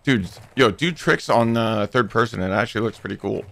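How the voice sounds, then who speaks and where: A man's voice: fairly low pitch, brisk, gravelly, fairly bright tone, no echo. A young man joking around with strangers over in-game proximity voice chat, rowdy and teasing. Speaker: gamer. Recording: noisy game voice chat with gunfire.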